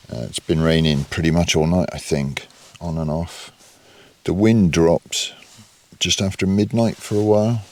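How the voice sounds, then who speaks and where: A man casually narrating a camping vlog outdoors on a hill, relaxed and rambling with many fillers. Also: deep voice. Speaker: vlogger camping host. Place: outdoors on a hillside camp, later inside a tent.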